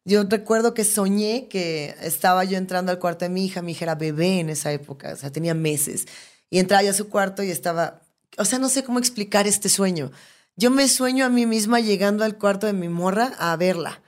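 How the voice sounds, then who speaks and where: A woman's voice: mid-range voice, brisk. A Mexican woman in her thirties, a podcast co-host, telling a story in casual chat and swearing freely.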